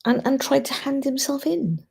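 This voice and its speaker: A woman hosting a casual livestream, thinking aloud and giving opinions informally in a husky, gravelly voice. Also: high-pitched, lively intonation, normal speed, a little mellow. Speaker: livestream host. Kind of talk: casual chat to live commenters.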